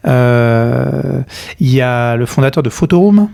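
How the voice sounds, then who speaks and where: A man in his thirties speaks at a middle pitch with a gravelly, creaky edge. He is a podcast guest who answers in a relaxed, casual way. He hesitates often, with fillers and restarts. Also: slow. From France, Nantes. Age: 30s. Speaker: guest, company cofounder.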